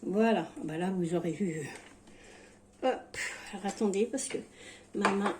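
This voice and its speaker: Speaking at a measured pace in a mid-range voice, this woman is missing her dentures, so her speech comes out slurred and toothless. She chats casually and hesitantly while demonstrating home cooking in her kitchen, frequently breaking off partway through sentences. The room echoes and there's background noise.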